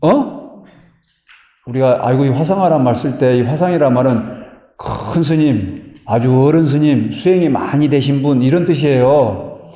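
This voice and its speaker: A man's voice: medium pitch, animated, unhurried, mellow. A man giving a Buddhist dharma talk in a temple hall, speaking conversationally and putting rhetorical questions to his listeners. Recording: dull, echoey hall recording.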